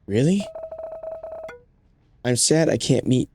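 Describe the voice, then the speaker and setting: A man voicing a small, curious, childlike kitten in a squeaky high voice. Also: lively intonation, slow pace, darkish tone, faint music behind. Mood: eager.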